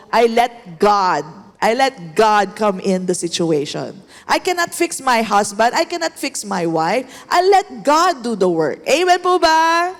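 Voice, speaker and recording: A woman pastor with a Filipino accent preaching a sermon, switching between Tagalog and English and calling for amens from the congregation. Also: sits high. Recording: echoey hall.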